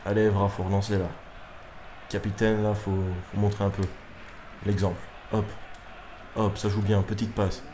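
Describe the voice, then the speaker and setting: Young guy doing excitable game commentary, low voice, yells at his players, a bit of room hum. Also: normal speed, pauses often. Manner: excitable, swears at players, bursts of yelling. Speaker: gaming YouTuber. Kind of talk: live gameplay commentary. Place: room at home at night.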